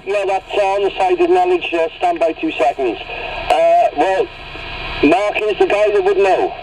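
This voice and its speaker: A man with a high voice speaks a little slowly over a CB radio transmission, one of the operators calling in for an informal chat full of procedural jargon. Reception is very noisy and distant, with loud radio noise in the background.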